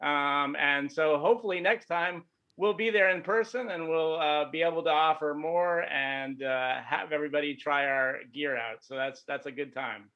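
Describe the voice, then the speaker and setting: A man's voice: fairly high pitch, normal speed, highs cut off. A man speaking casually and a bit hesitantly as a sponsor guest on a video call. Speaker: sponsor representative, interview guest. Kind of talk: casual remote interview. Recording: music behind the voice. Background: music.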